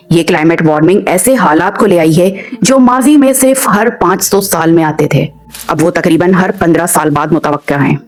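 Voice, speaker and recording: A woman reading a scripted documentary voice-over in a measured, grave, dramatic way. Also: fairly low pitch, a little mellow. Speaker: documentary narrator.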